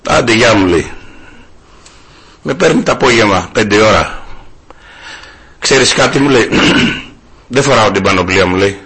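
A man's voice: lowish voice, expressive, long pauses, fairly bright tone, husky. A middle-aged man from Greece preaching a sermon, building emphasis and telling a personal story with quoted phone dialogue. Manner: preaching with rising emphasis, tells stories quoting a phone call.

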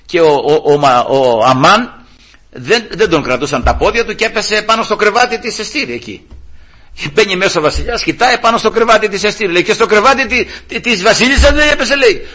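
A man preaching a sermon, retelling a scripture story with lively acted-out dialogue and frequent repeats of "he says". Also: sits high. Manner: animated retelling, acting out characters' quoted speech.

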